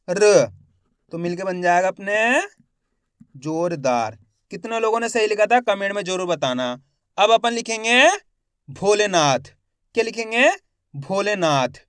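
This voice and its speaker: Man, reading teacher, high clear voice, slow syllable-by-syllable pronunciation, asks viewers questions. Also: a bit bright, dry recording, clean studio sound. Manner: addresses viewers as friends, asks quiz questions. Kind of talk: spelled-out reading lesson.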